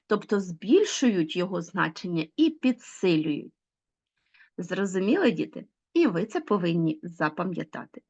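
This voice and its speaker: A woman teacher giving a grammar lesson to children, explaining patiently, stressing key words slowly and asking the class questions. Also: mid-range voice, lo-fi sound. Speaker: school teacher.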